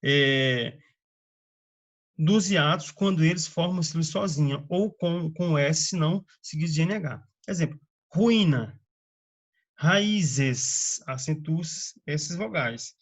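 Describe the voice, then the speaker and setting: A man from Brazil, slowly giving a grammar lesson and reading out word lists with frequent checks on the listener. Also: a little high. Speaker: teacher. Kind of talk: slow spoken grammar lesson.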